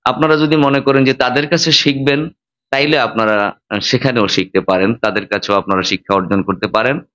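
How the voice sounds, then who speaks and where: A male preacher delivering a sermon in a teacherly way. He stresses words with sudden lifts and falls and slows down to model pronunciation. His voice sits at an ordinary middle pitch for a man. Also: steady tone, a bit bright. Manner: teacherly, demonstrates Arabic pronunciation, emphatic rises and drops. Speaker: Islamic preacher.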